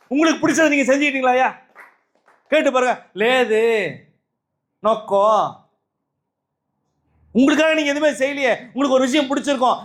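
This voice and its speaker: A man's voice: very high voice, fairly bright tone. A man with a Tamil Nadu accent giving an emphatic spiritual talk, repeating phrases and firing rhetorical questions at his listeners. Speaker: spiritual speaker.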